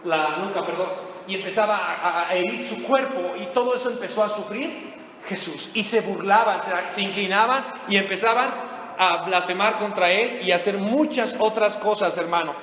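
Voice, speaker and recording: A man's voice: sits high, moderate pace, a bit bright, a little hiss or hum. A man preaching a sermon to a congregation, retelling a story dramatically and putting questions to his listeners. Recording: very echoey hall with long reverb.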